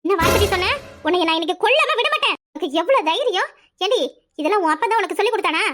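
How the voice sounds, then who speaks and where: A woman voicing a domineering, scheming middle-aged village mother in a cartoon, with a Kanyakumari Tamil accent, scolding fast and loud. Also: expressive, music in the background. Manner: shrill, scolding, fast, rising to yells. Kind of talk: cartoon voice acting.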